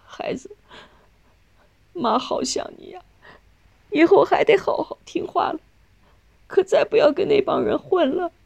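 A woman's voice: very high-pitched, animated, a little slow, vocal fry, long pauses, pitched above the performer's own voice, exaggerated voice. A woman doing a tearful tender mother. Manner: soft, tearful pleading.

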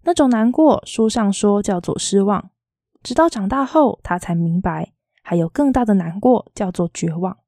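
A woman reads a novel aloud in a soft, quietly lilting storytelling voice. Her tone is mellow and warm, and the sound is dry and close. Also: mid-range voice, lively intonation, normal speed, dry recording. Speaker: audiobook reader.

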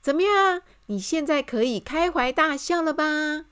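A woman's voice: extremely high pitch, very animated, normal speed, pitched above the performer's own voice. A woman voicing a cheerful, carefree young woman who giggles and coaxes. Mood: coaxing. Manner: giggling, bubbly, coaxing.

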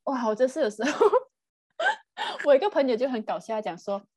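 A woman's voice: high voice, huge pitch swings, normal speed, darkish tone, husky, dry recording, studio quality. A young Malaysian woman, co-hosting a podcast, chatting casually and laughing often. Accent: Hokkien-tinged Malaysian Mandarin. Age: young adult. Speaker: podcast co-host. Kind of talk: casual chat.

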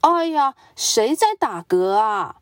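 A woman voicing a sporty crocodile who speaks loudly and confidently. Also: a little high, sing-song, takes it slowly, dry recording, studio quality. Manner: loud, confident.

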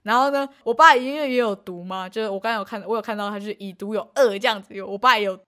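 A woman's voice: mid-range voice, very fast, bright, forceful tone. A young woman, co-hosting a casual podcast and telling a story in a rambling way, with frequent restarts and acted-out quotes. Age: young adult. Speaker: podcast co-host.

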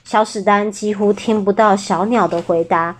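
A mother with a Taiwanese Mandarin accent reading a storybook aloud to her child, gentle and chatty, pausing to ask questions. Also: mid-range voice, steady tone.

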